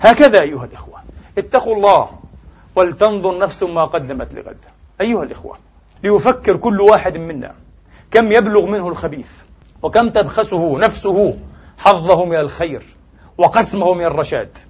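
A man's voice: high-pitched, expressive, brisk, husky, highs cut off. A male preacher giving a Friday sermon, emphatic and swinging his voice up and down, addressing the congregation as brothers and sisters. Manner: emphatic preaching, rising and falling sharply.

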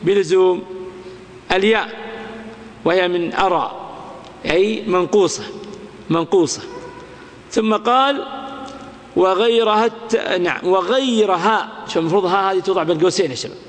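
A high-pitched man teaches grammar to a class. He recites lines of verse slowly and breaks them down with examples, throwing questions to his students. His voice trails off in a long hall reverb.

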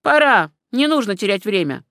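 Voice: medium pitch, very animated, normal speed, bright, forceful tone, no echo, studio quality. An audiobook narrator voicing an imperious, impatient medieval knight lord in a storybook. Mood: commanding. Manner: imperious, disdainful.

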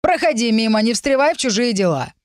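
A woman's voice: on the high side, expressive, brisk, no echo, clean studio sound, lightly acted. Woman doing a snappish scrawny drunk. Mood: snapping. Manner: rude, snapping. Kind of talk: audiobook voice acting.

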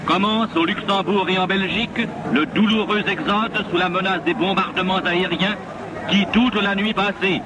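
A man's voice: sits high, steady tone, normal speed. A man narrating a 1940s newsreel in a solemn, declamatory way, played from an old newsreel soundtrack. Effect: old newsreel soundtrack played from an archive. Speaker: newsreel commentator. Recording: old newsreel film sound with loud noise.

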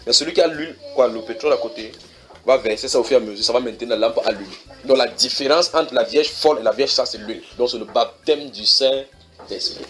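A man preaching in a church, reading scripture verses slowly and then explaining them, often asking his listeners whether they follow. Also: mid-range voice, fairly bright tone. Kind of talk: sermon teaching.

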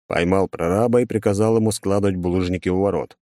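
A man reading a first-person audiobook story in a measured, even manner. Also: low voice, no room sound, clean studio sound. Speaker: audiobook narrator.

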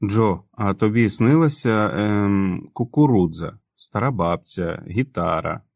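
Guy reading a calm man asking soft slow questions, little pauses. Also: on the low side, no room sound, clean studio sound. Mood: probing. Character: careful, probing grown man.

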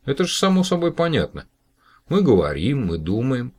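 Storybook girl: an emotional young woman who exclaims a lot, voiced by a male reader, pitched well up. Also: moderate pace, slightly rough. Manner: lively and exclaiming.

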